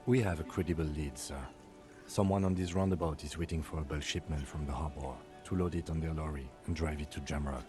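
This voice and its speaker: An actor voicing a gruff male police detective in a video game who lays out a lead in a formal, clipped way. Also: extremely low pitch, fairly even intonation, fairly quick. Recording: game audio with clear music.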